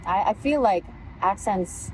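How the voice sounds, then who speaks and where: A woman's voice: medium pitch, expressive, unhurried, poor audio. A woman chatting casually and laughing often, recorded outdoors in a park. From United States. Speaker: guest, voice actress. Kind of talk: casual chat. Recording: outdoor recording with clear background noise and traffic.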